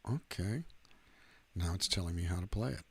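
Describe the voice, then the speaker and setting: A man's voice: deep voice, expressive, normal speed, husky. A middle-aged man, a singer-songwriter hosting a livestream, chatting casually in a rambling, self-deprecating, joking way.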